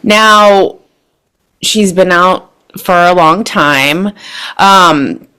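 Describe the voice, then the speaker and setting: A woman's voice: on the low side, very slow, sharp tone, clear, resonant tone. A woman hosting a casual podcast interview, chatty and encouraging, with lots of fillers. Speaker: podcast host.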